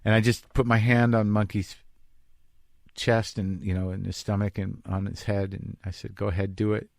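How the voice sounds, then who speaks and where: A man's voice: lowish voice, flat delivery, moderate pace, creaky, darkish tone, dry recording, clean studio sound. A middle-aged man hosting a podcast, telling a personal story in a rambling, confessional way. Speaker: podcast host. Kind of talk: casual monologue. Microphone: podcast microphone.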